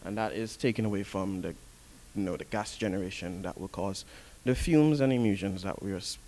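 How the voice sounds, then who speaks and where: A man's voice: sits low, fairly quick, a little mellow, slight background noise. A man giving a conference presentation, explaining his points step by step and reading from prepared material. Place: conference hall.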